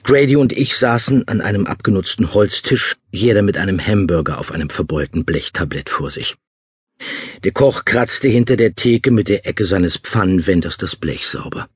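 A man reading an audiobook in a measured, vivid storytelling manner. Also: deep voice, breathy edge, dry recording, studio quality. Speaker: audiobook narrator. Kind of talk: scripted audiobook narration.

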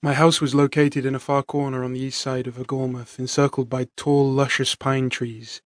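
A man narrates a story in the first person, measured and dramatic. His voice sits at a middle pitch and is recorded close and dry. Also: little pitch movement, no echo. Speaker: audiobook narrator.

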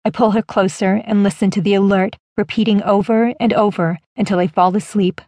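A woman narrating a first-person audiobook in a measured, even storytelling manner. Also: medium pitch, no room sound, studio quality.

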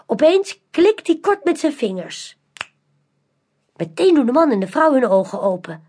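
A woman narrating a children's audiobook with an expressive, animated, carefully paced delivery. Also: fairly high pitch, breathy edge.

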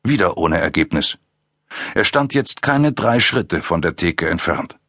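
A male narrator reading a thriller audiobook in a measured, suspenseful way, recorded close in a studio. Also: sits low, expressive, a bit bright, dry recording.

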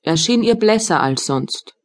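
A woman narrating a classic literary audiobook in a calm, measured storytelling manner. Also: mid-range voice.

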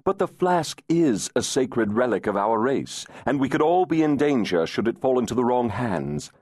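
A purring, mocking male fairy lord, voiced by a man reading an audiobook. He teases and taunts in a raised, lively voice that swoops with disdain. The sound is close and dry. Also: medium pitch, moderate pace, no echo, pitched above the performer's own voice, natural voice. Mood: pressing. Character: insolent, teasing male fairy nobleman. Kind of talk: audiobook character voice.

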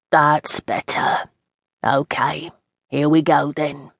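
A woman's voice: sits low, little pitch movement, drawn-out words, gravelly, breathy edge, dry recording, full character voice. A woman voicing a rambling old East End lady. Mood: chatty. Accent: East End London. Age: 70s. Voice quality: homely, rambling, dialect grammar. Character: frail chatty old East End woman, long institutionalised. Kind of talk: audiobook narration in character.

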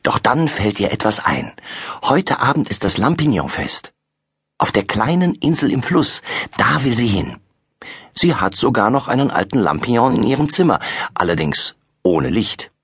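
A man narrating a children's story in a lively, expressive reading. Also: on the low side, moderate pace, breathy edge, no room sound, clean studio sound. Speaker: audiobook narrator.

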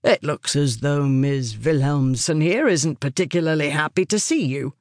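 A woman reading the part of a tall, gruff neighbor confronting an intruder in an audiobook thriller. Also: low-pitched, animated, moderate pace, no room sound, studio quality. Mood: wary. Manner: gruff, challenging.

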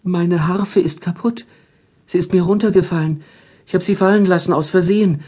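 Storybook voice: timid little boy angel, high and pleading. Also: fairly even intonation, moderate pace, dark tone. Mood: meek. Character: small male harp angel, gentle and timid.

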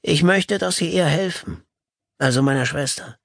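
A man's voice: on the high side, normal speed, gravelly, a bit bright, no room sound, clean studio sound, voice pushed up. A man voicing a gaunt, earnest visitor who asks for help for his sister, speaking tersely and stubbornly.

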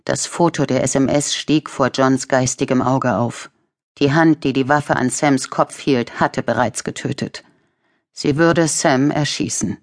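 Woman narrating a tense thriller. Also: rumbling low. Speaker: audiobook narrator. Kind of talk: scripted narration.

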